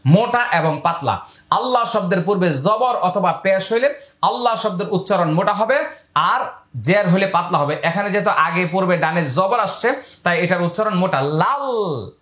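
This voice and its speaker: A man's voice: sits high, fairly bright tone. Patient male Quran teacher, echoey room. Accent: Bangladeshi Bengali. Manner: spells letters and vowel marks, then drawls the words slowly. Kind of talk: step-by-step recitation lesson.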